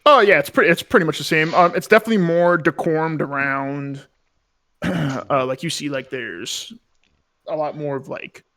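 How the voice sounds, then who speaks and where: A man narrating a tabletop game as game master, casually and haltingly, searching for words. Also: on the high side, sharp tone.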